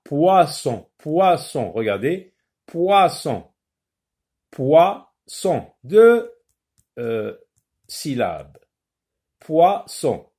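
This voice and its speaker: A man teaching a children's phonics lesson, repeating each word slowly and sometimes explaining in Arabic. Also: a little high, a little mellow. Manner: slow, repeats words syllable by syllable.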